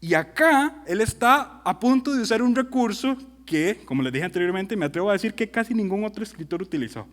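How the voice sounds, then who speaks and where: A pastor with a Costa Rican accent preaching a sermon, animated and full of rhetorical questions to his listeners. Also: high-pitched, a little fast, few pauses. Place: church hall. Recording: long hall reverb.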